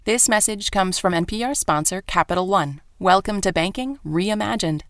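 A woman's voice: medium pitch, normal speed, no room sound, clean studio sound. A woman reading a scripted sponsor message. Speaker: sponsor announcer. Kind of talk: scripted ad read.

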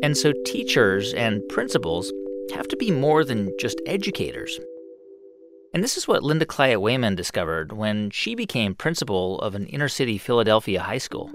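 A man's voice: lowish voice, big pitch swings, moderate pace. A man hosting a radio show, reading scripted narration that builds emphasis as a story unfolds. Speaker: radio host. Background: music.

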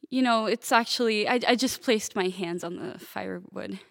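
A teenage girl from Italy talks as a guest in an interview, soft-spoken and hesitant, with lots of small fillers. Her voice sits at a middling pitch. The sound is dry and close, with no room around it. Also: normal speed, gravelly, no echo. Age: teens. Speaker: young pianist guest. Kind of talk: casual interview answers.

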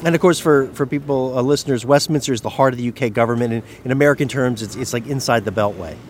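A man's voice: medium pitch, quick pace, slight background noise. Male correspondent explaining in conversation. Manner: conversational, explanatory with small restarts. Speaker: radio correspondent. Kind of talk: reported news conversation.

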